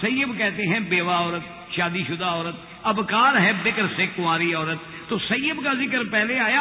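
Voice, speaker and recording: An older man from Makkah delivers a storytelling sermon and chants verses in Arabic. His voice sits high and rings very bright. The recording is from a hall with a long echo and a faint hiss. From Makkah, Saudi Arabia. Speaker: preacher. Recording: echoey hall with long reverb.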